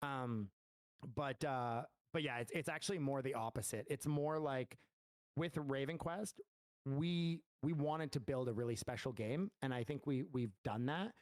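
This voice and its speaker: A game studio founder speaks a little slowly in a mid-range voice while taking community questions during a relaxed livestream, often restarting and filling gaps with verbal fillers. There's no room sound.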